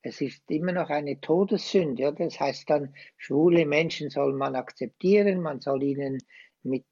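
A man, a former priest speaking as a guest, slow and hesitant but impassioned. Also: a little high, gravelly, a little mellow, no echo, muffled recording. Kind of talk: conversational interview.

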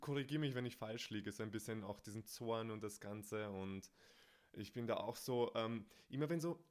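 A man's voice: on the low side, moderate pace, darkish tone, clear, resonant tone. A man hosting a conversation, asking empathetic, questioning follow-ups. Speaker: host. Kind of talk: conversational interview.

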